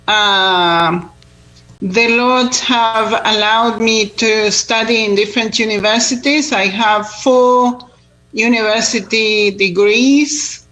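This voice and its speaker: A woman's voice: on the high side, slow pace, a bit bright, faint music behind, poor audio. A woman, born in Israel and raised in Argentina, talks earnestly in an interview about faith, with many fillers and repetitions. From born in Israel, grew up in Argentina. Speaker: tour guide and Bible teacher.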